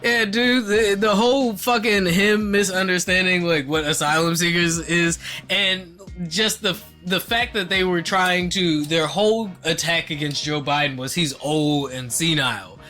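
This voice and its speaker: Brief man, podcast co-host, high and bright, animated and profane, music faint behind. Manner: animated, profane, laughing, jumps into quick impressions. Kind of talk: casual podcast banter.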